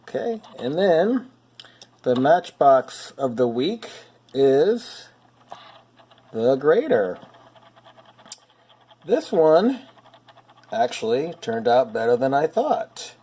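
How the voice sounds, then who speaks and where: A man's voice: mid-range voice, sing-song, very slow, pauses often, warm tone, breathy edge. A middle-aged man hosting his own hobby vlog, talking casually and wryly about restoring toy cars in his home workshop. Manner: chatty, self-deprecating, wry. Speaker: hobbyist channel host.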